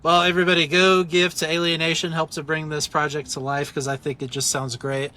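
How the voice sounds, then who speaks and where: Upbeat male host with a bright, slightly high voice, jokes and laughs, reading through a list. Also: level tone, brisk. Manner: upbeat and joking, laughs a lot. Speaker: podcast host. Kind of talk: casual video call interview.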